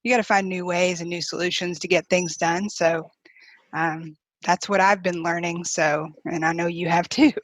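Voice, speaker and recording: Woman, 40s, interview guest, slightly low pitch, dry sound, chatty and easygoing. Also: steady tone, moderate pace, no room sound. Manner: warm, chatty, with light laughs and fillers. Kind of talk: casual interview.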